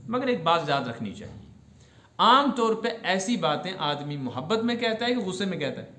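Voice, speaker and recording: A man's voice: high-pitched, sing-song, sharp tone. Man teaching a religious lesson, echoey room. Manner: explains step by step and checks understanding with questions.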